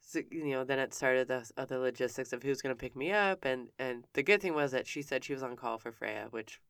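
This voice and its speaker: A woman's voice: extremely low pitch, fairly quick, a bit bright, clean tone, no room sound, clean studio sound. A woman telling a personal story in a frank, conversational way, often stopping and restarting her sentences. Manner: candid, frank with casual swearing; self-interrupting with frequent restarts.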